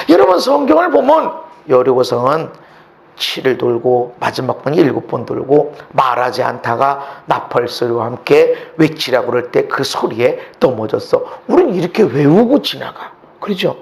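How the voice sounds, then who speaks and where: A male pastor preaching a sermon, swinging from shouts to hushed asides and acting out the voices he quotes. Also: mid-range voice, vocal fry. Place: church sanctuary.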